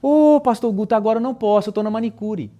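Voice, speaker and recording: A man's voice: high voice, fast, dark tone, lo-fi sound, lightly acted. A man with a Brazilian accent voicing a casual woman who brushes off a friend's urgent plea. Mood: breezy. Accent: Brazilian Portuguese. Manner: breezy, dismissive.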